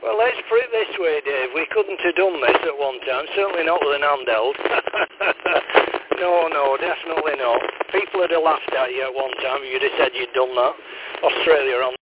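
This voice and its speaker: A man's voice: a little high, normal speed. A man in his sixties from Wigan, an amateur radio operator chatting in a friendly, easy way. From Wigan, England. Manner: friendly, chatty, hands back with "back to you". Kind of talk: casual radio chat. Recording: tinny radio link with static.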